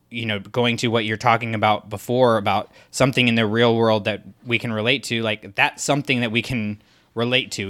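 In a mid-range voice with a fairly bright tone, a man co-hosts a podcast, chatting casually. He rambles, using lots of fillers and restarting often.

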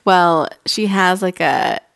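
A woman's voice: fairly low pitch, slow pace, vocal fry, a bit bright, smooth, no room sound, clean studio sound. A young woman co-hosting a podcast in casual chat, talking loosely with many fillers and laughing often. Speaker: podcast co-host.

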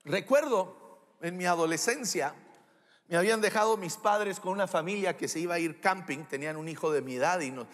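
High-voiced preacher in an echoey hall. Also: male voice, brisk. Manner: animated, rhetorical questions, humorous asides. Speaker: pastor. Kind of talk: sermon.

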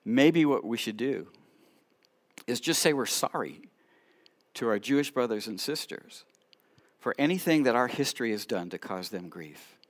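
A middle-aged man, a rabbi, telling stories to a congregation with animated delivery and quiet asides. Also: mid-range voice, normal speed, pauses often. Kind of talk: storytelling talk to a congregation.

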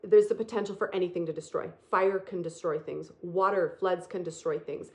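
A woman delivers a motivational spiritual talk. She speaks earnestly and repeats herself for effect, slowing right down on the phrases she wants to land. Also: fairly low pitch, fairly even intonation. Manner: earnest, repetitive, emphatic and slow on key phrases.

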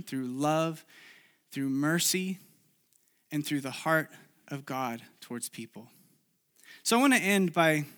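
A man's voice: on the high side, a bit bright. A man who grew up in Chile, preaching a sermon and sharing his own story in an earnest, confessional way with frequent restarts. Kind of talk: sermon with personal testimony.

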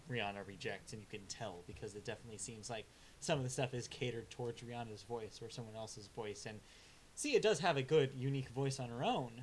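A music review co-host with a mid-range voice chats casually through the week's album reviews, laid-back and hesitant, with many filler sounds and restarts. His verdicts land blunt and dry. The low-quality recording has a faint hiss underneath.

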